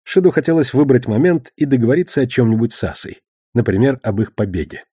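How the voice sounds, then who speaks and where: A man narrating an audiobook in a steady, even reading. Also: medium pitch, fast, husky, no room sound, clean studio sound.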